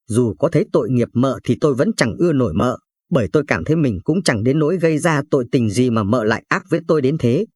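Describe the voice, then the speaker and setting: Husky-voiced man reading a story. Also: mid-range voice, a little mellow, dry recording, clean studio sound. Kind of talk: scripted narration of an audio story.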